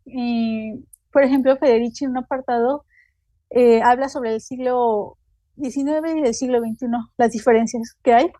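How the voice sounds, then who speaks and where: A seminar speaker with a Mexican Spanish accent talks in a mellow voice on the high side, keeping her intonation fairly even; no room sound is audible. She loosely reads her academic talk, stopping and starting with frequent fillers like "este" and "eh."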